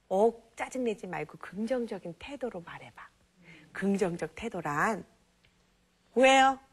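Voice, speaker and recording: Husky-voiced woman giving a lively lecture. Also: fairly high pitch. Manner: lively, acts out parents and children in quoted lines. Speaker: lecturer on parenting. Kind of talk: televised lecture to an audience.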